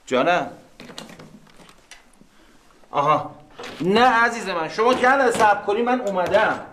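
An actor playing a boastful, scheming husband who brags and wheedles about big deals. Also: male voice, high voice, expressive, bright, forceful tone, slight background noise. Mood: chatty. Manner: bragging, playful, wheedling. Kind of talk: TV drama acting.

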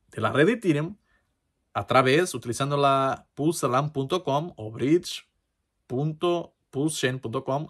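A crypto channel host talks to camera in a casual tutorial, a man with a medium-pitched, slightly bright and slightly rough voice. Portuguese is his first language, so his Spanish carries a Portuguese accent, and his delivery is relaxed and hesitant, packed with fillers and restarts.

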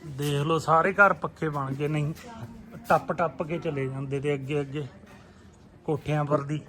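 A man with a Puadhi Punjabi accent and a slightly raised voice walks through a village, narrating into a handheld phone in a relaxed, reminiscing way. His phrases come loosely strung together, like casual vlog talk recorded outdoors. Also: a little high, normal speed. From Punjab, India. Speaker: vlogger. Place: outdoors in a village, on rooftops and lanes.

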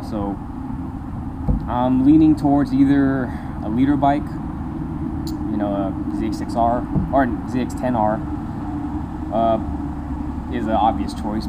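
A young man with a mid-range voice rambles and laughs often in a casual motorcycle vlog, talking to the camera with background noise audible. The motovlogger records on a compact camera on a nearby table in an open-air park shelter.

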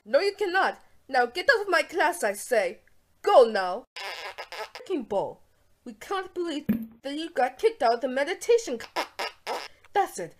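A woman voicing grown-ups in an animated cartoon, talking in a stern, scolding manner. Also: high-pitched, a little slow, long pauses. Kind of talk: animated grounded-video dialogue.

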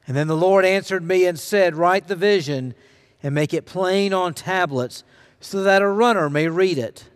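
A man's voice: high-pitched, moderate pace, clean tone. Man reading scripture in a big sanctuary. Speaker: scripture reader. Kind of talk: reading scripture aloud in worship. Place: large church sanctuary, indoors. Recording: long reverb of a large sanctuary.

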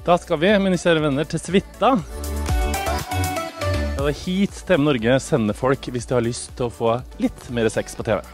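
A young host with a mid-range voice talks over music as he walks around a villa with a handheld mic. His entertainment show segment is a comic house tour and studio chat, full of playful mockery and theatrical asides.

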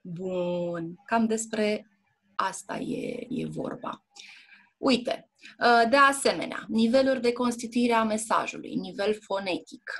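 Breathy-voiced woman teacher. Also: mid-range voice, a bit bright. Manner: explanatory, frequent "da?" check-ins and hesitations. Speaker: Romanian language and literature teacher. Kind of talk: one-on-one exam prep lesson. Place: indoor classroom or tutoring room.

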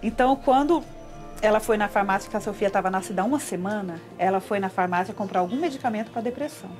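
A woman, a guest on a TV talk show, telling her own story with animated, emotional delivery and acting out quoted voices. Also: fast talker, over music. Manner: animated, acts out quoted speech in a higher voice.

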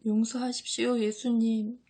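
A woman's voice: fairly high pitch, little pitch movement, normal speed, warm tone, slightly rough, pitched above the performer's own voice. A woman voicing a weeping young disciple, John. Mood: tearful. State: crying. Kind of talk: audiobook reading.

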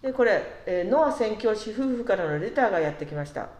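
A woman giving a conversational sermon who asks the congregation questions and slows down on key words. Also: medium pitch, animated, a little mellow, reverberant. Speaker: preacher.

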